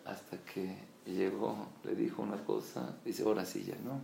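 A man gives a storytelling sermon in a gravelly voice. He acts out the characters' lines animatedly. The recording is roomy and echoey, with faint ambience behind him. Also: normal speed, slight background noise. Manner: animated, acts out quoted dialogue with rising pitch. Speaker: religious teacher.

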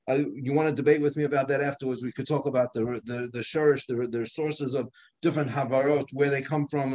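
A man teaching an informal Torah class, explaining slowly and often restarting his phrases. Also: a little high. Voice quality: many restarts and repeated words, conversational explaining.

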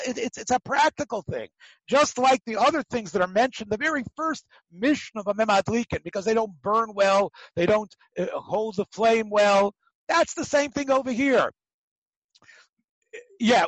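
A man teaching a religious text class in a lively conversational way, posing questions and answering them himself, repeating phrases for emphasis. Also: high-pitched, no echo, rough recording.

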